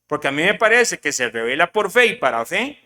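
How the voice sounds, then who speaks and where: High, bright-voiced preacher in a reverberant hall. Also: male voice, fairly quick. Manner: lively preaching, rhetorical questions to the congregation, mixes in English words. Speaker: pastor. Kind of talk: sermon.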